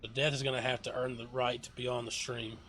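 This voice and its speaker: A man's voice: medium pitch, little pitch movement, fast talker, a little hiss or hum. A man casting a live video game match, giving loose, joking play-by-play. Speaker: esports caster. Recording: loud game gunfire and clicks behind.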